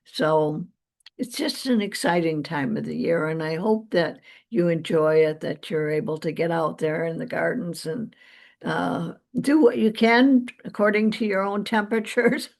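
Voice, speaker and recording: Slow-paced middle-aged American woman, chatting casually. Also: on the low side, vocal fry, darkish tone. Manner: unhurried, rambling, with small chuckles. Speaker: vlog host. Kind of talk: casual gardening chat to viewers.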